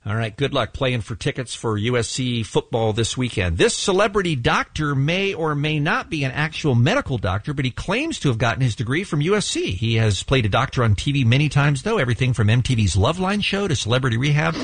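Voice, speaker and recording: Male radio host for dramatic contest hype: husky, animated, suspense-building, close studio mic. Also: medium pitch, brisk, few pauses, no echo. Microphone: close studio microphone.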